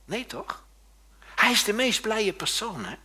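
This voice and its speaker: A male pastor giving a sermon, lively and joking, often turning to the congregation with quick questions. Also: high voice, breathy edge.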